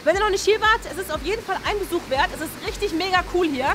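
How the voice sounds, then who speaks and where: With music playing behind her, this young woman speaks in a very high-pitched, animated, rapid-fire voice. Hosting a YouTube challenge vlog inside a large swimming pool hall, she keeps things casual and chatty, voicing her thoughts straight to camera.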